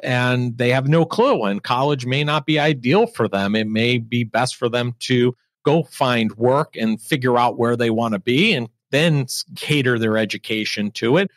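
A man's voice: medium pitch, normal speed, hardly any pauses, dry recording, clean studio sound. A middle-aged man with an American accent, interviewing a guest as a podcast host in a conversational way.

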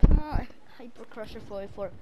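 During a role-play gaming session, a woman improvises in voice chat with a blunt, teasing manner. Her voice is on the high side and fairly quick. The recording is muffled, from a noisy home headset.

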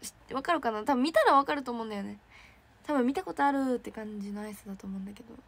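A young woman, an idol trainee, chatting casually on a livestream and reacting excitedly to fan messages. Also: on the high side, very fast. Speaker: idol trainee streaming to fans.

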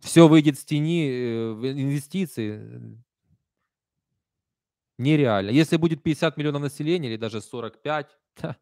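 A man in his thirties from Ukraine, with a Kyiv Russian accent, chats emphatically on a live stream while reading viewer comments, slipping in soft-spoken asides. His slightly high voice moves at normal speed, captured clean and echo-free by a close desk stand mic in a small indoor room.

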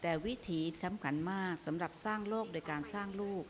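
A woman's voice: mid-range voice, quick pace, a little hiss or hum. An older woman hosting a live show, giving a dharma talk to parents and asking rhetorical questions. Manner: animated, asks rhetorical questions. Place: stage of a live broadcast.

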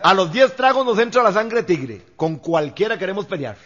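A man's voice: high-pitched, big pitch swings, normal speed, a bit bright, some chatter behind. A man with a Costa Rican accent telling jokes in a stand-up comedy routine, chuckling as he goes, on a lo-fi recording. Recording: lo-fi dull recording.

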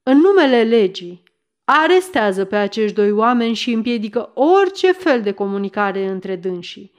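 A woman's voice: a little high, big pitch swings, dull audio. A woman voicing a stern middle-aged male mayor in an audiobook, speaking firmly and asking pointed questions. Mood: commanding. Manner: firm, questioning. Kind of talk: audiobook reading.

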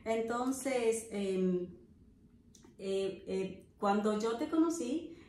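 A woman's voice: medium pitch, animated, very slow, darkish tone, roomy sound, slight background noise. A middle-aged woman hosting a podcast interview, asking questions with many fillers. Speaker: podcast host. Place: living room on a sofa, indoors.

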